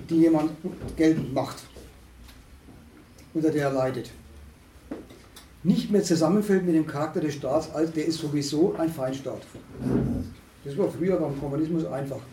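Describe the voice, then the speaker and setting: A man holding forth in a discussion, halting and restarting often, with emphatic rises. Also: on the high side, warm tone. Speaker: speaker at a discussion on asylum. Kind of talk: lecturing discussion talk. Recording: echoey room, distant mic, faint noise.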